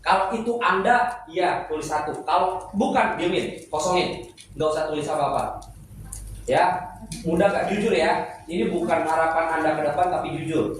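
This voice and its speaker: A man's voice: a little high, normal speed. A middle-aged man teaching at a church seminar, playful and joking with the congregation. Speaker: preacher. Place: church hall. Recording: echoey hall, speaker far from mic, noisy.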